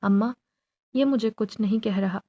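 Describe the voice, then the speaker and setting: A woman's voice: mid-range voice, warm tone, close to an everyday voice. A woman voicing a frightened young woman facing a jinn in a spoken horror story. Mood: fearful.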